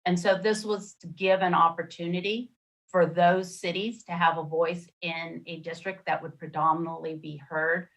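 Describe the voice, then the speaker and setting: A woman commissioner explaining a map proposal at a public meeting over a video call, halting with many fillers and restarts. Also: fairly low pitch, flat delivery, poor audio. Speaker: redistricting commissioner.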